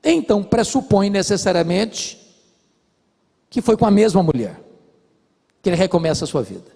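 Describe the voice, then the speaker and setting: A man delivers a sermon from the pulpit, his voice gravelly and a little husky. He preaches with lively, swinging pitch and acts out conversations as he tells his stories. The hall behind him rings with a long reverb. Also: normal speed. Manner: storytelling preacher, acts out dialogue. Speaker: pastor. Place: church.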